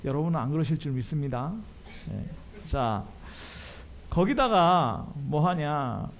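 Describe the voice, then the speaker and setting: Male pastor, high and swooping voice, animated church sermon. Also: unhurried. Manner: animated, self-deprecating, asks the congregation questions.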